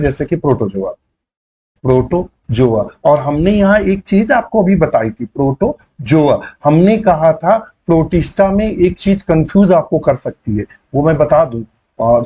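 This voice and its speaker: Mellow-voiced biology teacher, man. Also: fairly high pitch. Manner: explains while writing, repeats key terms, many fillers. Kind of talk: exam-prep lecture. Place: online class setting.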